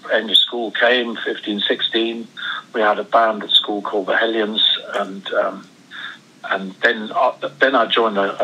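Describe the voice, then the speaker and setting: A Swiss-born man in his seventies tells his life story as a guest actor in a casual interview, rambling and often restarting. His voice is lowish and bright with a forceful, breathy edge, and the recording sounds muffled.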